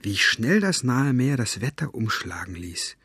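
A male audiobook narrator with a slightly husky, breathy tone, reading in a measured storytelling manner. His voice sits at an ordinary pitch and is recorded close and dry. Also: big pitch swings, fairly bright tone, no echo. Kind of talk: scripted narration.

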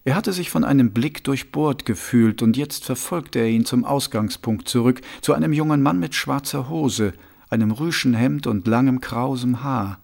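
A man narrating an audiobook with an expressive, lively delivery. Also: medium pitch, normal speed, creaky. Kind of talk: scripted narration.

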